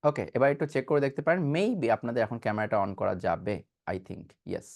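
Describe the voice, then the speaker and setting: A man's voice: medium pitch, big pitch swings, a little fast, creaky, darkish tone. A man giving an online pronunciation class, asking questions and answering them himself, and demonstrating sounds. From Bangladesh. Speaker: pronunciation teacher.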